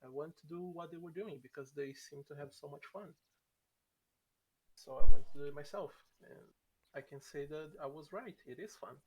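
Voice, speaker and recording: A man in his late twenties from Brazil speaks as a guest on a streamer podcast. He answers hesitantly, pausing on ums while he finds his words. His tone is casual and conversational. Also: fairly high pitch, husky. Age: 20s.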